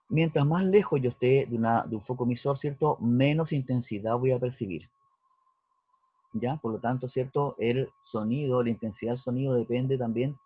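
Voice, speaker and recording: Male physics teacher, slightly husky voice, tinny phone-like sound, walks through a lesson and keeps checking in with students. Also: mid-range voice, no room sound. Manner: explanatory, checks in with "¿cierto?" and "¿ya?". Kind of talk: recorded lesson walkthrough. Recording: dry, husky, phone-like narrowband audio.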